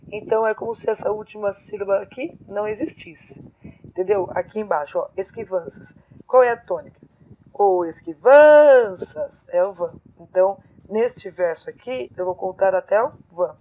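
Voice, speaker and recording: A woman teacher explaining poetry scansion step by step, counting syllables aloud in a lesson. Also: medium pitch. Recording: phone-like narrow sound.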